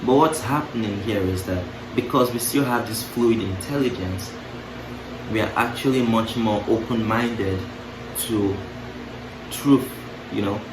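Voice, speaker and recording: A young adult vlogger muses casually to camera in a reflective monologue, breaking off into playful asides with laughs and restarting his thoughts. His voice is on the low side and a little slow. The recording sounds roomy, with a distant mic and clear background noise.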